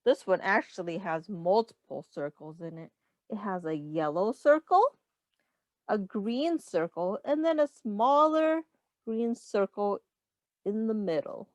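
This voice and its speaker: A woman teacher reads a picture book to young children in an animated, unhurried medium-pitched voice, explaining simply and asking them questions. Her phrasing is instructive and pitched for little kids, and there's no room sound.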